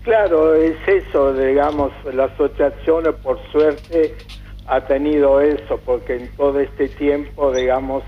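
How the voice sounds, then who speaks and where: An older man from Calabria, Italy, reminiscing as a radio interview guest, halting and full of fillers. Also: on the high side, steady tone. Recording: tinny phone-like radio sound.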